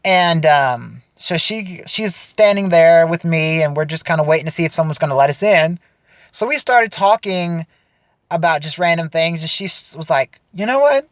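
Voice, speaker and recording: A young man telling a funny story casually to the camera for an audition, animated and chatty. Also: on the high side, moderate pace, dry recording. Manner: animated, chatty, frequent restarts and laughter. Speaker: audition video speaker.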